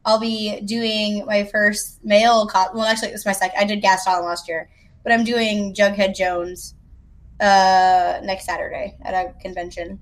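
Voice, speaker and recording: Speaking at a normal speed with a medium pitch and flat delivery, this South Carolina woman with an American accent keeps the chat casual. She's playful and jokes at her own expense.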